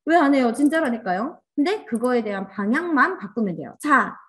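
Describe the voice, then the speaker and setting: A woman leading an online workshop, speaking in an animated, coaxing way and acting out inner voices as she teaches. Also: high-pitched, fairly quick. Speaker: workshop instructor. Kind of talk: online class lecture.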